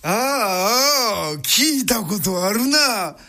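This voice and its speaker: A woman plays skittish old country men in a told folk tale, drawling in Tango Kyoto dialect. The voice sits high and bright and swings widely. Delivery is slow, with sudden frightened outbursts. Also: animated, full character voice. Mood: musing. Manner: drawling, jumpy, cries out in alarm. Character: fretful old village men on a night road.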